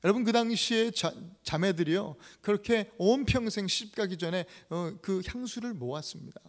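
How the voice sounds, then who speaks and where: A male pastor preaching a sermon in a church, dramatic and storytelling, swinging from loud to hushed. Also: high voice, moderate pace. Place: church sanctuary.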